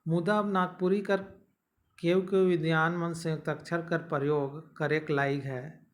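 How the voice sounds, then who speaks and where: Casting note: young male tutor, slightly high voice, patient step-by-step explaining. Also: steady tone, moderate pace. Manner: explains step by step, repeating and checking "ठीक है". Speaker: teacher. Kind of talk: exam-prep grammar lesson.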